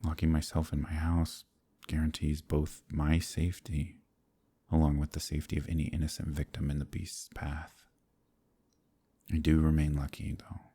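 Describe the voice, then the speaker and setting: Playing a gentle, troubled werewolf for a romantic fantasy ASMR roleplay, this man uses an exaggerated, deep, husky voice at a moderate pace with completely flat delivery. Soft-spoken and hesitant, he phrases things formally and old-fashionedly, in a sombre mood.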